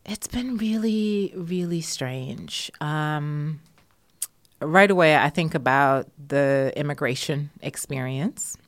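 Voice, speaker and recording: A woman's voice: low voice, slow pace, dry recording. A woman from Jamaica, interviewed and answering thoughtfully, with fillers and light laughter. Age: adult. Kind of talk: conversational interview.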